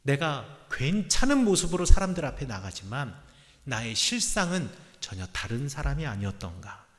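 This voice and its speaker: A male pastor preaching a Sunday sermon earnestly, rising to emphatic peaks and dropping to soft, low endings. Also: very animated, moderate pace. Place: church sanctuary. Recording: church sanctuary with long reverb.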